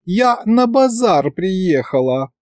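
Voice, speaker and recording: A woman's voice: mid-range voice, slow, darkish tone, no echo, voice pushed up, natural voice. A man voicing a capricious young village girl who drawls her words.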